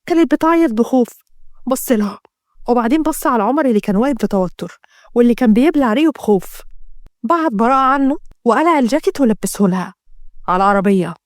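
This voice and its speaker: Egyptian woman narrator, fast dramatic storyteller, dry close sound. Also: a little high, dry recording. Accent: Egyptian Arabic. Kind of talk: narrated romance story reading.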